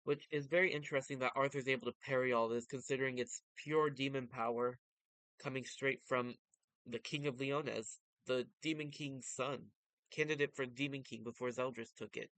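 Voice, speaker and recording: Male vtuber, casual fan commentary, mid-pitched clean smooth voice, close dry sound. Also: steady tone, moderate pace, fairly bright tone, no echo, low-quality recording. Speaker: vtuber reading and commenting on manga.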